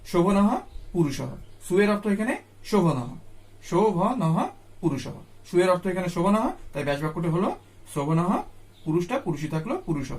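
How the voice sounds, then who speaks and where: A man teaching a grammar lesson to students, patiently repeating each term slowly. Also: high-pitched. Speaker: Sanskrit teacher.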